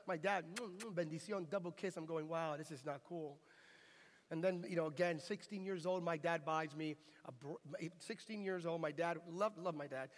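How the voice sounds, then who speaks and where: A middle-aged American man preaching a sermon, telling lively, humorous stories. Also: high voice. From United States. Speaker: pastor. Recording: reverberant hall.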